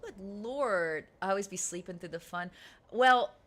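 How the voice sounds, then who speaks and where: A woman game streamer chatting casually with her live audience, giggly and animated, laughing often. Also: medium pitch, measured pace.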